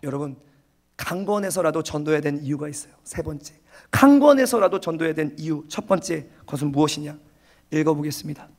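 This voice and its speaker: A pastor preaching a Sunday sermon, emphatic and repetitive, who acts out people's excuses in quick asides. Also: male voice, on the high side, animated, darkish tone. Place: church sanctuary.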